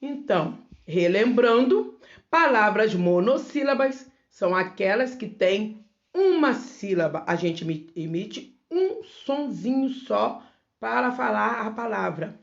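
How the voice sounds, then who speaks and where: Slow, gravelly-voiced woman teacher. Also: mid-range voice, expressive, muffled recording. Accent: Brazilian Portuguese. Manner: slow, syllable-by-syllable word demonstrations. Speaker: primary school teacher. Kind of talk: remote lesson for young children.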